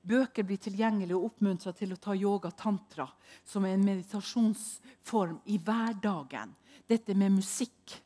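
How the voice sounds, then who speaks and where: A woman delivers a testimony-style sermon, telling her stories in an animated way. Her voice sits at a middle pitch for a woman. She swings between loud, emphatic lines and hushed, near-whispered asides. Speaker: preacher.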